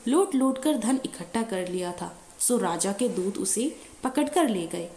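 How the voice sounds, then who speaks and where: A woman reading a devotional fasting story in a steady recital. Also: mid-range voice, reverberant, a little hiss or hum.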